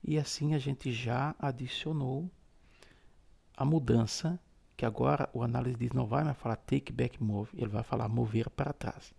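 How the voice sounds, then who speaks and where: A man guides viewers through a phone tutorial, patiently describing every gesture he makes. His mid-pitched voice is deeply gravelly and mellow. He sounds steady and unhurried. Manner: patient, explains each gesture aloud. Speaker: tutorial host. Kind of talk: step-by-step screen-reader tutorial.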